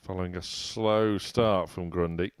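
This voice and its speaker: A man's voice: deep voice, steady tone, unhurried, a little hiss or hum. A man giving live darts commentary as the lead commentator, with polished, wordy phrasing.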